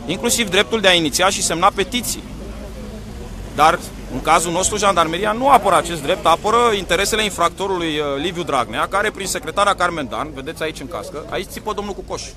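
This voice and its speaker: A man's voice: sits high, a crowd in the background. A man doing a live outdoor commentary to his viewers, emphatic and questioning them often. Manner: emphatic, addresses viewers directly with repeated questions. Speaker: livestreaming activist vlogger. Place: outdoors by a courthouse.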